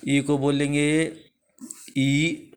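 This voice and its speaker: Slow, patient Indian male teacher. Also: a little high, level tone, clean tone. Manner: slow, repeats each answer after asking it. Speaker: English teacher. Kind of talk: slow spoken alphabet lesson.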